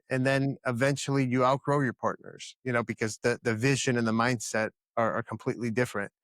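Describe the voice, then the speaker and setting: This podcast guest is a company founder from the Dominican Republic, a man in his thirties whose medium-pitched voice sounds a bit bright. He responds to the interviewer with earnest emphasis and frequent restarts, and there's no room sound.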